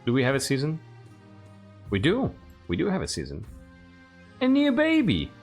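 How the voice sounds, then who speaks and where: A man hosts while playing a game, casually commenting and reading the game text aloud, often repeating himself. His mid-range voice swoops wildly in pitch and moves briskly over soft background music.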